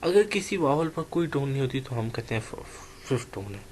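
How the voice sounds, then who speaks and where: Man, online language teacher, slow explanatory lecture, spelling out sounds, faint background hiss. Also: medium pitch, sing-song.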